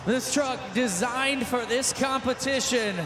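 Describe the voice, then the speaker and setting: Male sports commentator, very high pitched, hyped shouting play-by-play, echoey stadium sound. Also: a little slow, loud music behind the voice. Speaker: event commentator announcer. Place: large stadium event. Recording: echoey stadium PA, loud engine noise.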